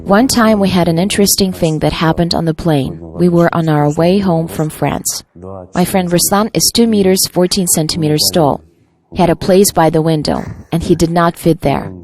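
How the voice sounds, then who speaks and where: A woman reading a scripted documentary voice-over in an even, measured way. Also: lowish voice. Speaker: voice-over translator.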